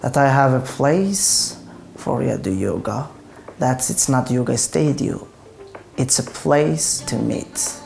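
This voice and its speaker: A young man from Afghanistan, speaking earnest, reflective, halting second-language English as a yoga teacher in a documentary interview. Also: mid-range voice, expressive, gravelly, darkish tone. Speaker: yoga teacher and project founder.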